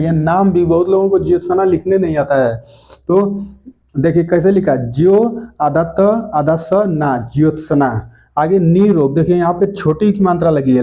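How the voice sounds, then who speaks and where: Man teaching spelling, slow and repetitive. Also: fairly high pitch, warm tone. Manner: explains step by step, repeats each correct word slowly. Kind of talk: spelling lesson lecture. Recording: dull lo-fi recording.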